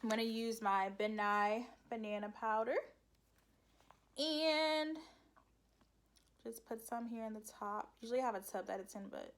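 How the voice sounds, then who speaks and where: A woman's voice: fairly high pitch, measured pace, pauses often. A young woman, chatting casually through a makeup tutorial, rambling and laughing at her own slips. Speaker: beauty vlogger.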